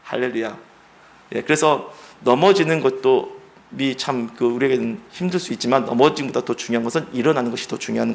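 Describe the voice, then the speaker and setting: A man's voice: mid-range voice, vocal fry. A middle-aged man preaching a sermon as pastor, emphatic and acting out the voices he quotes.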